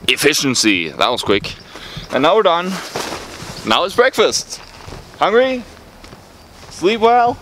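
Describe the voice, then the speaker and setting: Young guy on a road trip vlog, slow easygoing talk, bit high voice, music behind. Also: wildly swooping pitch, a bit bright, a little hiss or hum. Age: young adult. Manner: cheerful, laughing, joking with friends. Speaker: vlogger. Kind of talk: casual travel vlog chat. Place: outdoors at a campsite and on the road. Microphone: handheld camera close to face.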